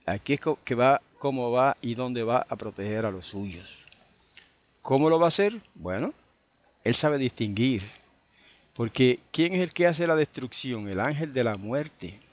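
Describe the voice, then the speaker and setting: A man's voice: medium pitch, expressive, unhurried. A man, teaching an informal Bible study and stopping often to check in with his listeners. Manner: conversational, full of tag questions and fillers.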